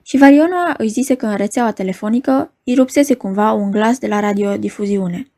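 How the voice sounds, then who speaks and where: A woman reads a novel aloud in a measured, even storytelling manner. Her voice sits at a medium pitch. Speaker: audiobook narrator. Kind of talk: novel reading.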